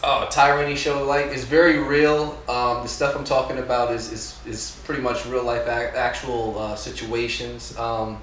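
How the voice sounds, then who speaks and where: Talkative comedian from New Jersey in echoey room. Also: male voice, mid-range voice, flat delivery, moderate pace, hardly any pauses, a bit bright. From New Jersey, USA. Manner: talkative, with fillers and restarts. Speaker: stand-up comedian, guest. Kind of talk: casual interview chat. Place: theater. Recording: echoey, distant, noisy theater recording.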